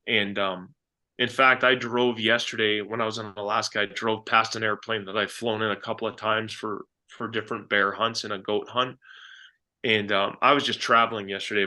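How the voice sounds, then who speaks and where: A man, a hunter and filmmaker, telling a story as a podcast guest in an earnest, animated way with many fillers. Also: fairly low pitch. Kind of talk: reflective storytelling.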